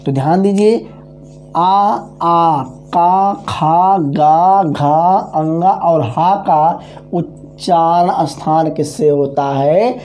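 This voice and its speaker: Slow, mellow-voiced male grammar teacher. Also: on the high side, a little hiss or hum. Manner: drills syllables slowly, keeps checking understanding; repeats mnemonic formulas aloud. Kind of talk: online exam-prep grammar lesson.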